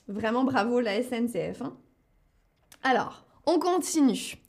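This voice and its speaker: A woman hosting a live lesson, speaking slowly and clearly and putting questions to her viewers. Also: a little high. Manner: slow and deliberate, asks the audience questions. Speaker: host of a live French-learning stream.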